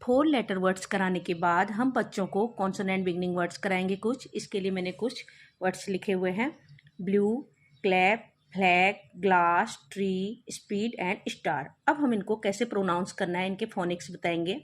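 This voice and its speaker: A woman teacher explaining a kindergarten English lesson, spelling out words letter by letter and then saying each one slowly. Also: medium pitch.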